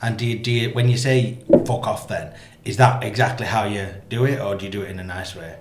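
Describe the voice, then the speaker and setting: A man's voice: on the low side, steady tone, fast, heavy background noise. A man hosting a podcast, talking in an easygoing, reflective way. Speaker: podcast host. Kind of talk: casual podcast chat. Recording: roomy echo.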